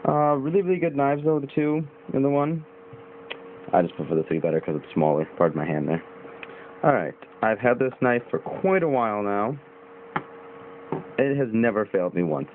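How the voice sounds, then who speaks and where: A young man talks through a knife review in a loose, informal way, filling pauses with ums and uhs. His voice sits a little low. The audio is thin and phone-like, with a faint hiss underneath. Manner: rambling, informal, with fillers and mild swearing. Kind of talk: casual video review.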